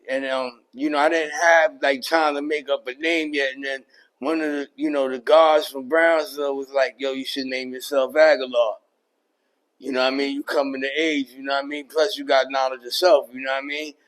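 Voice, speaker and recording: A man's voice: medium pitch, fairly even intonation, moderate pace, a bit bright, rough recording. Laid-back New man, casual interview. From New York. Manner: laid-back, many fillers like "you know what I mean". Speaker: podcast guest, rapper and producer.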